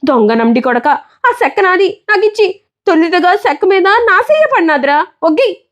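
A woman voicing a desperate poor street boy who wails and shouts insults in a storybook reading. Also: very high voice, animated, normal speed, voice pushed up. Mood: angry.

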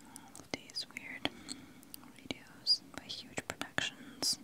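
A woman whispering throughout in a breathy ASMR style, musing aloud in a tentative, unhurried way as she compares products, close to the mic. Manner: talks with a candy in the mouth. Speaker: ASMR video creator.

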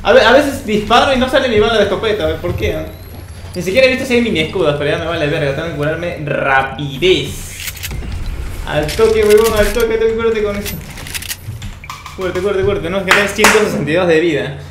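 A man giving live commentary on his own video game, excitable and swearing as he talks to himself. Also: sits high, fairly quick. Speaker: gameplay streamer. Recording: echoey room with loud background noise.

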